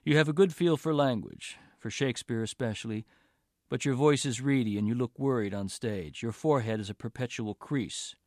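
A man voicing a blunt, deliberate male drama professor in a read-aloud story. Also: medium pitch, darkish tone, dry recording, studio quality, natural voice. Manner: blunt, measured.

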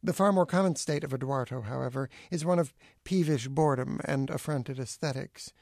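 Deadpan man reading his own essay. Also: mid-range voice, brisk, no echo, studio quality. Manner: acerbic, deadpan wit. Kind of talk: dry witty essay reading.

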